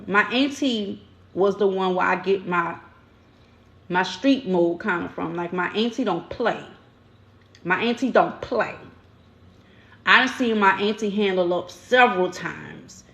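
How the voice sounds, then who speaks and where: A woman's voice: medium pitch, a bit bright, reverberant. A woman from New Orleans with a local accent, telling stories in a candid, slangy way during a casual live-stream chat as the channel's host. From New Orleans, USA. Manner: candid, storytelling, slangy everyday speech.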